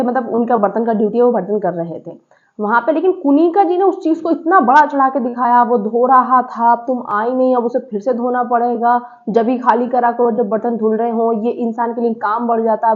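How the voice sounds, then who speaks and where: Animated woman gossip commentator with a higher voice on a tinny phone-like line, recapping and acting out quotes. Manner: animated, acts out quoted lines. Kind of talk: casual reality-show recap.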